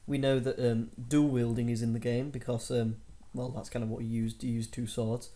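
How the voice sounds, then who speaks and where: Young male co-host, casual and rambling, soft warm tone. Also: medium pitch, flat delivery, moderate pace. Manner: rambling, many fillers and restarts. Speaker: co-host of a gaming news show. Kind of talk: casual chat.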